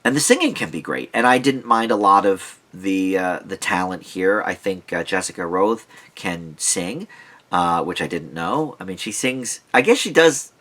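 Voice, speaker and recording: Low-voiced man casually reviewing films. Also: expressive, moderate pace, a bit bright. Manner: conversational, digressive, thinking aloud. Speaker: film reviewer. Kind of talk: casual rambling movie review.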